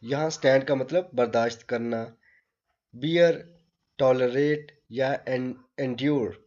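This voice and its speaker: Slow, careful man teaching a lesson. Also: mid-range voice, steady tone, darkish tone. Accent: Pakistani. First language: Urdu. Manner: reads English slowly, then explains in Urdu. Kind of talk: line-by-line lesson translation. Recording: dull lo-fi sound.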